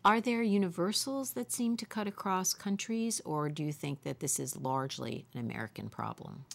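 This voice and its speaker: A woman's voice: fairly low pitch, moderate pace, gravelly. A woman hosting an interview, asking long, searching questions. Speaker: interviewer host.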